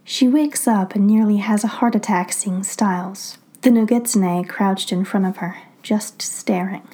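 Woman whispering a story, mellow and breathy. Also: medium pitch, measured pace. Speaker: story reader. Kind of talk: whispered narration.

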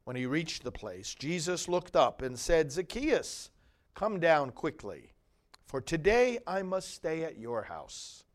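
Solemn male priest, slow and highly expressive. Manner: solemn, deliberate oratory with emphatic phrasing. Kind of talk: liturgical scripture reading and homily.

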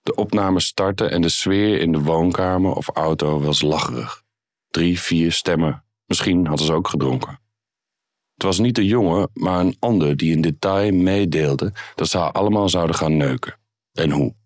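A man reading his own crime story aloud in a calm, measured way. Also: sits low, dry recording, studio quality.

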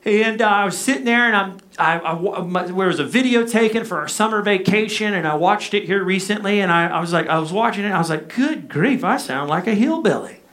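A man's voice: high voice, fairly quick, hardly any pauses, a bit bright. A man preaching a sermon as a pastor, emphatic, leaning on rhetorical questions and repetition. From Arkansas, United States.

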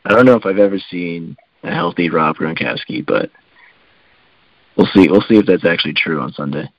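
Deep-voiced guy cohosting a sports podcast, laid back, lots of ums, a bit muffled. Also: a little fast, slightly rough, no echo. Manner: relaxed, filler-heavy, hedging. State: coughing. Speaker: podcast co-host. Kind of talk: casual sports chat.

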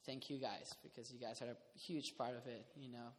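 A man's voice: medium pitch, fairly even intonation, fairly quick. A young man from Costa Rica chatting casually in a group, rambling with fillers and laughing often. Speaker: community house resident. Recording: reverberant room, faint noise.

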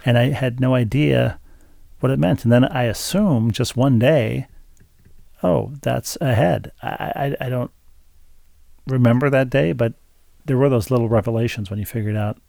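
A man's voice: mid-range voice, normal speed, gravelly, mellow, dry recording. A man co-hosting a casual podcast, reading listener letters aloud with chatty asides. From Minnesota. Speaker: podcast co-host.

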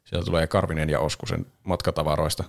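A man with a low voice and a gravelly edge talks through a film in a relaxed podcast chat. He laughs easily and sometimes slips into quick imitations of characters. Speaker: podcast host. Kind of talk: casual chat reviewing a film.

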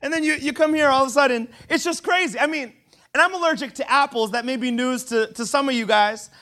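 A man in his thirties from Brazil, preaching a sermon told through animated, humorous personal stories. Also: extremely high pitch, quick pace. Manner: animated, humorous storytelling with laughs.

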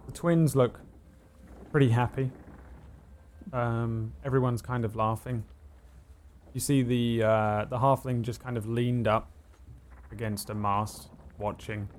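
A man improvising narration as game master of a tabletop game, halting as he thinks aloud. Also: mid-range voice, steady tone, a little hiss or hum.

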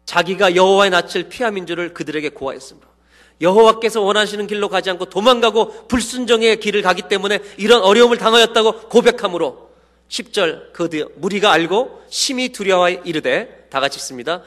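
Male pastor, fairly high voice, animated sermon delivery, long church reverb. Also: fairly quick. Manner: animated preaching, acting out dialogue with sudden loud bursts. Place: church sanctuary.

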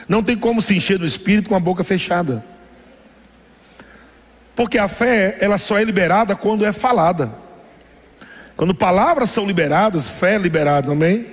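A man's voice: high-pitched, long reverb tail. A man preaching an emphatic sermon as pastor, often laughing between phrases.

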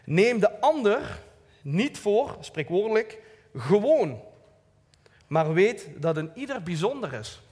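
Limburg dutch guy giving a laid-back church talk, fairly high voice, big echoey hall. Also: sing-song, takes it slowly, darkish tone, slightly rough. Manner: earnest, plain-spoken, with light self-mocking asides. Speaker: lay preacher. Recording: long hall reverb.

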